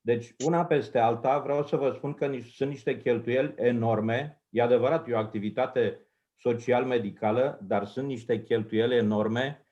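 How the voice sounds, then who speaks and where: A council member speaking up in a meeting, arguing earnestly with figures and pausing with fillers. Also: male voice, mid-range voice, darkish tone, muffled recording. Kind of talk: spoken intervention in a meeting. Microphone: remote microphone.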